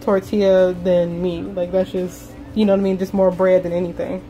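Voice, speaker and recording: A woman's voice: fairly low pitch, flat delivery, normal speed, mellow, dull audio, faint music behind. A woman explaining a recipe to her viewers in a home kitchen, chatty and casual. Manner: chatty, explaining, addresses viewers as you guys. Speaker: vlog host. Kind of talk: casual cooking demonstration.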